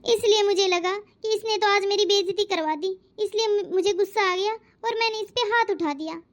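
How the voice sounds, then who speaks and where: A woman voicing a proud, quick-tempered middle-aged mother-in-law in a cartoon, fussy and scolding. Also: very high-pitched. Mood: remorseful. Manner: scolding, fussy about her honour. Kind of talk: cartoon voice acting.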